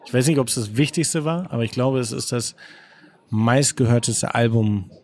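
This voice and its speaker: Male guest in his thirties, easygoing storyteller, middle pitch, casual chat. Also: moderate pace. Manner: relaxed, rambling, laid-back anecdotes. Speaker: guest, photographer.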